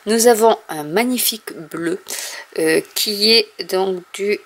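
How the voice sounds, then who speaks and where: Woman, French speaker, gravelly voice, casual craft haul, chatty with fillers, home vlog. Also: medium pitch, slow pace. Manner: chatty, explanatory, many fillers. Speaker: craft vlogger.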